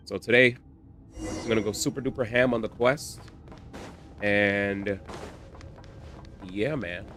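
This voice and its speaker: A man's voice: on the low side, takes it slowly, over music. A man live-streaming a game, chatting casually and reacting in slang.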